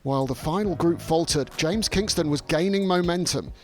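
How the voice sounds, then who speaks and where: A man with a slightly high voice delivers golf commentary and highlights narration. Music plays faintly behind him. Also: moderate pace.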